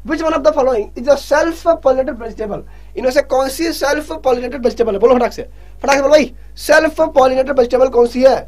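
Man, exam prep teacher, live online revision class, urgent, pushes for quick answers, teasing, slow English questions, Hindi explanations. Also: extremely high pitch, a little mellow. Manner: teasing, scolds students jokingly.

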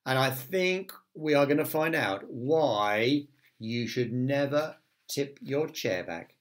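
Animated man reading to children. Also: medium pitch, slow pace. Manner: animated, chatty asides to children. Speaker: primary school teacher. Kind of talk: reading a children's story aloud.

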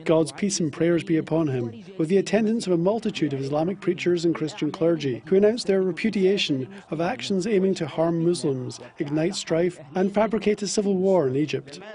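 A man narrates a scripted news report. His voice sits high for a man, with a dark, relaxed tone that has very little edge to it. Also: fairly quick, hardly any pauses. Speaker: news reporter voice-over translator.

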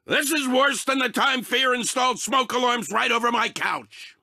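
A man voicing Anger, a short-fused, sarcastic cartoon emotion in a video game, with a raspy, blustering, exasperated delivery. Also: extremely high pitch, normal speed, pushed and bright, no echo, clean studio sound, heavily acted. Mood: grudging, resigned. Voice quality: raspy, gravelly, tense. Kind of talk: animated video game character acting.

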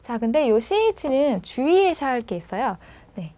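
A woman teaching pronunciation in a video lesson, patiently prompting and sounding words out slowly. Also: high voice, sing-song, warm tone. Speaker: language teacher.

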